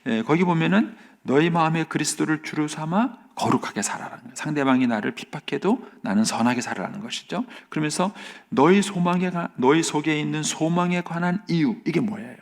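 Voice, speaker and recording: A middle-aged male pastor preaching a dawn service sermon in a church, earnest, often sinking to a soft near-whisper to stress a point. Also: fairly high pitch, expressive, fairly quick, creaky, few pauses. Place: church sanctuary.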